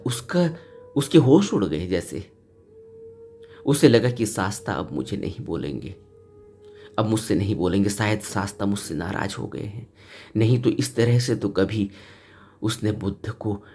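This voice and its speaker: A man giving an earnest spiritual discourse, retelling a teaching story and repeating phrases for emphasis. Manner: earnest, repeats phrases for emphasis, rises in pitch for key points. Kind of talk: Hindi dharma discourse retelling a Buddhist story. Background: soft flute music.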